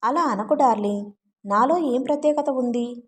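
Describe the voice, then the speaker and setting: A woman's voice: fairly high pitch, moderate pace, lightly acted. A woman voicing a sarcastic, scheming grown husband with a sulky, pleading manner, in a story read aloud.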